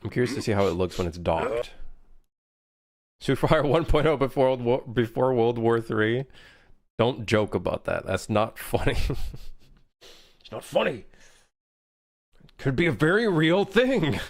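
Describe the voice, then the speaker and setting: A man's voice: medium pitch, expressive, a little slow, long pauses. A man born in Switzerland, a game developer chatting casually and jokingly on a live stream while reading chat aloud.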